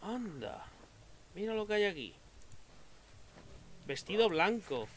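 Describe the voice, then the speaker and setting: A man with a Spain Spanish accent doing excitable let's-play commentary, muttering to himself and then swearing and shouting at enemies. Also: sits high, takes it slowly, a little hiss or hum. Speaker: gaming youtuber.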